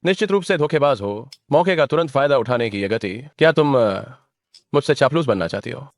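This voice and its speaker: A man's voice: mid-range voice, animated, brisk, no echo, clean studio sound, close to an everyday voice. An actor dubbing a cold, scornful young man who has just come into money, speaking in a cutting way over faint music. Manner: contemptuous, cutting. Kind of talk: dubbed drama dialogue.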